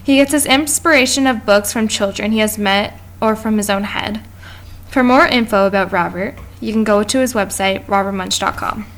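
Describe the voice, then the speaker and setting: A woman's voice: medium pitch, moderate pace, a bit bright. A woman reading a class presentation aloud from notes, with small stumbles and restarts. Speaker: student presenter.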